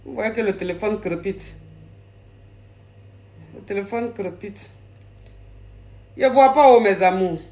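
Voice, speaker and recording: A woman's voice: mid-range voice, takes it slowly, long pauses, mellow. A woman hosting a live call-in advice stream, playful and repeating her phrases.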